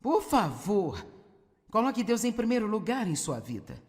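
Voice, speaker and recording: A woman's voice: medium pitch, big pitch swings, moderate pace, darkish tone. A woman, delivering a dubbed sermon with earnest exhortations to her listeners. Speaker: preacher. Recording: long hall reverb, faint crowd.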